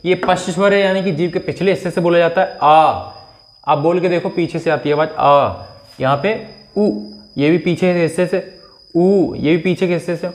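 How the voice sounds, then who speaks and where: A man's voice: sits high, moderate pace. A man teaching an exam-prep grammar lesson, explaining patiently, checking in often and stretching out vowel sounds to demonstrate them. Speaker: Hindi teacher.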